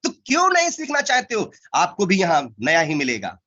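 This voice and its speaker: High-voiced guy pumping up his sales team, sharp bright tone, keeps repeating himself, muffled lo-fi recording. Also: wildly swooping pitch, moderate pace. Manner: emphatic, repetitive, fires rhetorical questions. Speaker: network marketing team trainer. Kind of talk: motivational training talk.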